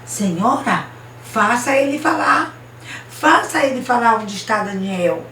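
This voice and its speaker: Woman as a high, urgent young woman in a storybook, distant roomy mic. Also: animated, unhurried, sharp tone, a little hiss or hum. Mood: demanding. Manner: urgent, pleading, demanding. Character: young woman, anxious and insistent.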